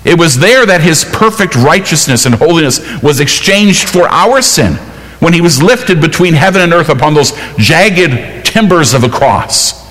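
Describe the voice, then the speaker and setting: A man preaching a sermon in an earnest, measured way, quoting scripture as he goes. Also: fairly high pitch, expressive, a bit bright, in a large hall, poor audio. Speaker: pastor.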